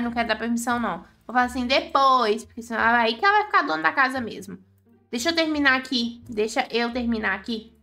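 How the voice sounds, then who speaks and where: Woman, Brazilian Portuguese accent, casual gameplay commentary, high-pitched, talks straight to viewers. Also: bright, forceful tone. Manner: chatty, exclaiming, talks to viewers. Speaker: gaming channel host.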